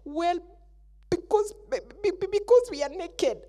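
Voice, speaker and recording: A woman's voice: extremely high pitch, unhurried, darkish tone, big-room sound, voice pushed up. A woman voicing a frightened first man who stammers and then whines, blaming the woman beside him. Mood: pleading excuses. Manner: stutters in fear, then whines and blames.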